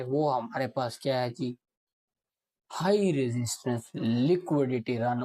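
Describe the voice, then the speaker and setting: With a mellow, medium-pitched voice and no echo, a man teaches trading in a relaxed lesson on chart reading. He marks the chart while explaining and frequently poses questions he then answers himself.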